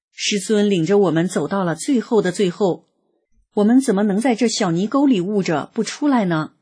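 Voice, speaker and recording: Woman, deeply breathy tone, mid pitch, earnest read-aloud testimony. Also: darkish tone. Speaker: reader of a personal experience article.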